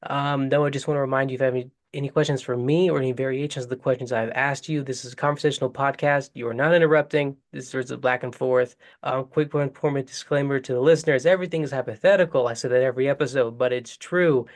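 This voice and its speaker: A man's voice: medium pitch, fairly even intonation, fast talker, hardly any pauses. A man hosting a podcast, talking in a loose, chatty way with rambling asides. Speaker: podcast host. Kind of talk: casual podcast chat.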